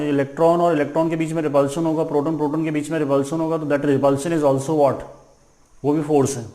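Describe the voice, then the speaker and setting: A man's voice: fairly high pitch, darkish tone. Indian teacher quizzing his class in Hindi. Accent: Indian English. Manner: mixes Hindi with English terms, asks and answers his own questions. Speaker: physics teacher. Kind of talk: classroom physics lecture.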